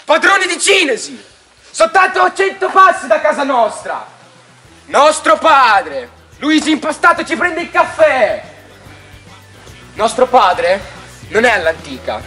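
A man's voice: very high-pitched, big pitch swings, a little slow, pauses often, pushed and bright, soft background music, full character voice. A young man acting a defiant, passionate son, speaking insistently in an amateur film drama. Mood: furious, shouting. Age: young adult. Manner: impassioned, insistent. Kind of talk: acted dialogue in an amateur short film.

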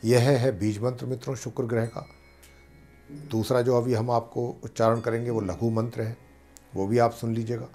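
A man, an astrologer and pandit, calmly explaining planetary mantras and slowly chanting them. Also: mid-range voice. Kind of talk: devotional teaching talk.

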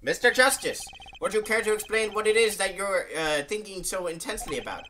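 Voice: mid-range voice, lively intonation, fairly quick, pushed and bright, a little hiss or hum, voice pushed up. A streamer doing a fussy old judge. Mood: formal. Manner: formal, ponderous. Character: fussy older male judge. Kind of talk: game let's play voice-over.

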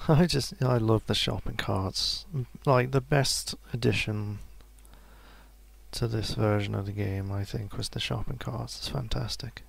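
A man talks through a game slowly and unhurriedly, his voice gravelly with a bit of fry at the ends of phrases. The sound is dry and close, as if from a desk mic. He muses to himself in a relaxed, casual way. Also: on the low side, dry recording. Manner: relaxed, musing to himself, laughs softly. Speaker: let's play gamer. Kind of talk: casual gameplay commentary.

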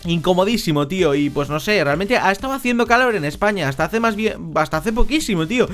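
A man with a Spain Spanish accent giving casual, joking commentary over his gameplay, talking at home into a headset mic and now and then bursting into shouts. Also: high voice, lively intonation, quick pace, soft background music. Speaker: Minecraft gameplay YouTuber.

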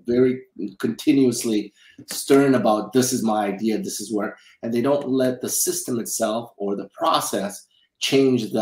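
A middle-aged man from Romania speaks over a webcam from a home office, his voice sitting low. The room is echoey around him. He rambles and circles back on his words while he thinks. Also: darkish tone. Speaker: guest, film financier. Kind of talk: casual interview. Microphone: video call webcam.

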